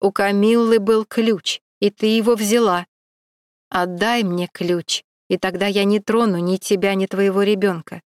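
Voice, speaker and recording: A sinister male caller who threatens in a soft, rustling, snake-like hiss, as a woman reads him in an audiobook. He talks slowly and deliberately, never raising his voice, and the voice comes across close and dry. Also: medium pitch, fairly even intonation, no echo, lightly acted. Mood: menacing. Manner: slow, threatening whisper. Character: menacing man on the phone with a hissing whisper.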